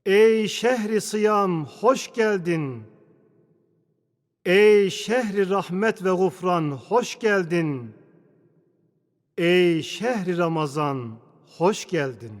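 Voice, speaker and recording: A man, an imam, giving a Friday sermon in a slow, measured, solemn recitation, his voice ringing through the long echo of a large mosque hall. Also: sits high.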